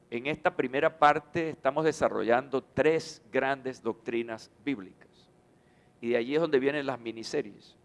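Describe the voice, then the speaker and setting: Slow, deliberate male pastor preaching. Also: mid-range voice. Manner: slow, deliberate preaching with call-and-response to the congregation. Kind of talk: sermon. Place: church sanctuary.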